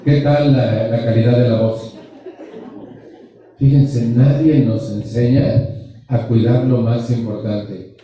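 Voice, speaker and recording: A man's voice: medium pitch, fairly even intonation, slow, pauses often, warm tone. A man giving a joking, blunt motivational talk to a group, full of rhetorical questions and slang. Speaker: speaker at a support group anniversary. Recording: echoey hall, distant mic.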